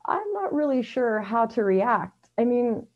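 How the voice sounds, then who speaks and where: Her pitch fairly high and swinging widely, a middle-aged woman unhurriedly reads her own story on a video call, wry and poking fun at herself. She's an amateur storyteller at a story slam, and the call audio is dull and lo-fi.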